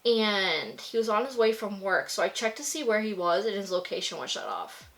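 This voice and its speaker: A woman's voice: mid-range voice, sing-song, normal speed. A young woman vlogger chatting casually while doing her makeup, gushing and peppering her talk with "like". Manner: gushing, filler-heavy with frequent "like". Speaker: beauty vlogger.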